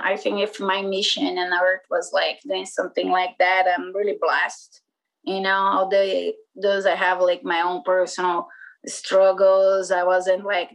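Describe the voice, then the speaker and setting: A Brazilian woman in her forties, a skateboarder who once published a magazine, chats casually in English, her second language, during an interview. Her voice sits lowish and carries a Brazilian Portuguese accent, and she rambles, leaning heavily on fillers like "like" and "you know." The audio quality is poor.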